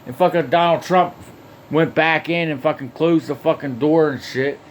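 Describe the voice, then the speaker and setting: A man's voice: on the high side, moderate pace, a little hiss or hum. A man telling a rambling first-person story, swearing constantly and restarting his sentences again and again. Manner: heavily profane, rambling, with frequent restarts and fillers.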